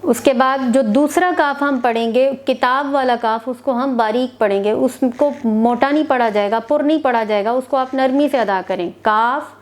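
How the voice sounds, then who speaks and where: A woman's voice: high-pitched, normal speed, few pauses, darkish tone. A woman with an Urdu accent teaching Quran recitation, drawing out each letter sound between short explanations. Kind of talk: slow recitation lesson.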